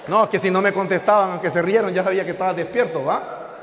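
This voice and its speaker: A man, preaching an animated, joking sermon and calling out to his congregation in a church. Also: high-pitched, fast, crowd noise. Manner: animated, jokes, calls out to the congregation. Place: church hall. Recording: long reverb in a hall.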